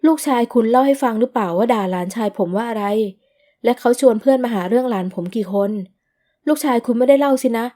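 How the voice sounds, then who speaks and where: A woman voicing a cool young businessman who answers in a flat, even, calm tone in an audio novel. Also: a little high, quick pace, lightly acted. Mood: calm firm.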